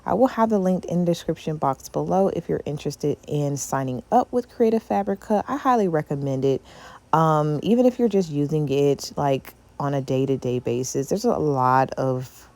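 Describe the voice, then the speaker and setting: Congested from a cold, a small craft business owner guides viewers through a design tutorial as a casual screen-recorded how-to. She speaks at a moderate pace in a low voice, easygoing and talkative, leaning heavily on fillers.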